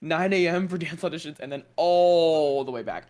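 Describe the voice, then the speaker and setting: A man chatting on a podcast, telling animated theater stories and laughing often. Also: on the high side, normal speed. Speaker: cast member recalling a show. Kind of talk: casual podcast chat.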